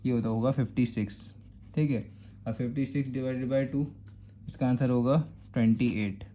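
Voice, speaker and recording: A man's voice: medium pitch, fairly even intonation, fairly quick, dark tone, slight background noise. A man with a Karachi Urdu accent teaching a step-by-step math lesson, patiently repeating "thik hai" to check that students follow. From Pakistan.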